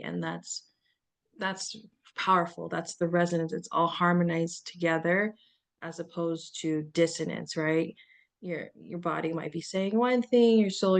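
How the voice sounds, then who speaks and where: A middle-aged woman giving a gentle, meandering self-help talk as a spiritual coach, with many fillers and soft laughs. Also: on the low side, gravelly.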